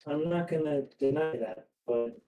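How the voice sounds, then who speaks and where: The voice sits at a medium pitch, unhurried, with a phone-quality sound. It belongs to a streamer casually chatting and laughing with a friend during a game, complaining about tech issues, under robotic voice-chat distortion.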